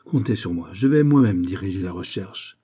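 Man doing a worked-up police chief, talks fast and urgent, kinda husky. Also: sits low, lively intonation, mellow. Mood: agitated. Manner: urgent, exasperated reporting. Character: agitated middle-aged male police chief. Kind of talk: audiobook character voice.

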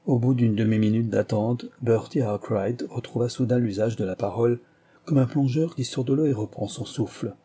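Dark husky male narrator. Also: medium pitch, normal speed. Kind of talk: audiobook narration.

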